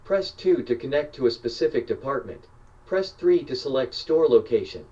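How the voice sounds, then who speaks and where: A recorded automated phone menu message in a male voice, read in an even, measured announcer delivery. It sounds as if it were played back from a device at some distance from the mic. The sound is dull and muffled. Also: mid-range voice.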